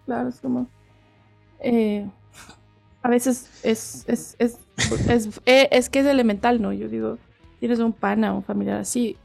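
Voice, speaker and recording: A talkative woman co-hosting a casual podcast over a video call. Her voice sits a little high, with a gravelly fry running through it. Soft music plays faintly underneath. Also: steady tone, unhurried. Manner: talkative, rambling, many restarts. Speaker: podcast co-host. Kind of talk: casual chat.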